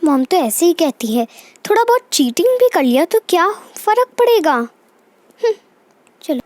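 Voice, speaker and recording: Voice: very high-pitched, sing-song, unhurried, no room sound, heavily acted. A performer voicing Preeti, a cheeky, careless schoolgirl doll in a storybook tale who chats to herself. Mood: chatty. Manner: chatty, talks to herself. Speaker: daughter. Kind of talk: Hindi doll story voice-acting.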